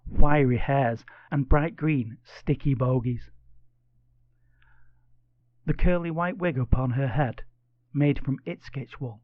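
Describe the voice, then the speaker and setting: A man narrating a children's audiobook with expressive, playful storytelling. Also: mid-range voice, no echo, lo-fi sound.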